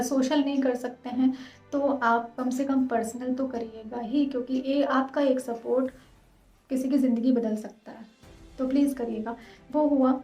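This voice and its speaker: A woman in her thirties talking fast and earnestly to her viewers in a casual vlog. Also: sits high, warm tone, echoey room, dull audio. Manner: fast, earnest, direct address. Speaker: vlogger.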